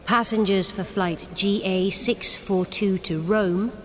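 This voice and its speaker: A woman acting as an announcer, making formal announcements over public loudspeakers for a course recording. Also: mid-range voice, fairly even intonation, takes it slowly, big-room sound. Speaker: station and airport announcer. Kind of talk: scripted course audio.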